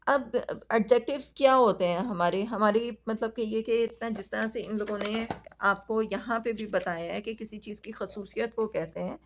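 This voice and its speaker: A woman teacher with a Pakistani accent, patiently explaining a lesson to children, talking slowly and addressing them directly. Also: mid-range voice, steady tone, background noise. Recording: dull lo-fi recording.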